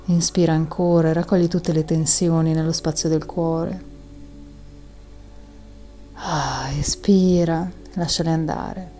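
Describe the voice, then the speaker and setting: A woman leading a guided breathing meditation in a soft, soothing and calming manner, with long audible exhales. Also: deep voice, moderate pace, few pauses, soft background music.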